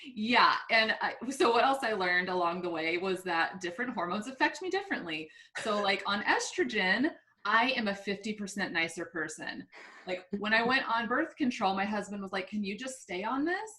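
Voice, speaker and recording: A woman co-hosting a podcast, telling personal stories in an animated way and laughing at herself. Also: medium pitch, normal speed. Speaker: podcast co-host. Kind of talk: casual podcast chat.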